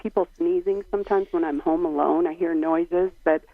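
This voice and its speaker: A woman calls in to a radio show over a tinny phone line. Her voice is low and gravelly, and she speaks hesitantly with halting pauses. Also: steady tone, no echo. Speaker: caller. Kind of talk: phone-in call.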